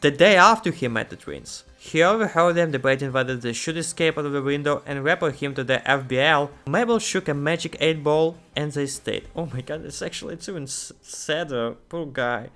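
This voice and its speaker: A YouTuber reading out text and reacting in casual, excitable, nervous asides. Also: male voice, a little high, normal speed, few pauses, soft background music.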